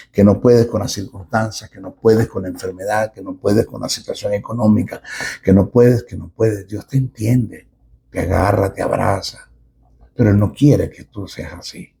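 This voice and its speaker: A middle-aged man preaching a sermon as a pastor, emphatic and with dramatic pauses. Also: on the low side, fairly even intonation, gravelly, mellow, husky.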